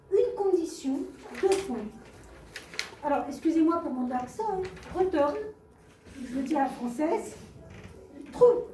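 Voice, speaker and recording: A woman's voice: very high voice, warm tone, slight background noise. A woman teaching a math class, explaining patiently, repeating points and asking the students questions. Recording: echoey classroom from far off.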